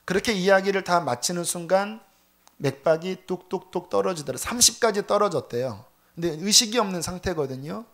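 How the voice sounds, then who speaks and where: A man's voice: high-pitched, lively intonation, brisk. Male pastor telling a story in a sermon. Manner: vivid storytelling, dramatic shifts in loudness. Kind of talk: Sunday sermon. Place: church sanctuary.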